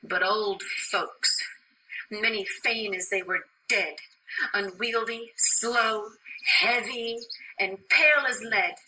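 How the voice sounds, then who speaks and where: A woman's voice: medium pitch, slow pace, bright, forceful tone. A woman playing an impatient, lovestruck teenage girl in a theatrical Shakespearean drama, declaiming and pleading with dramatic emphasis. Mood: scornful impatience. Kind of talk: theatrical Shakespearean stage acting. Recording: distant microphone.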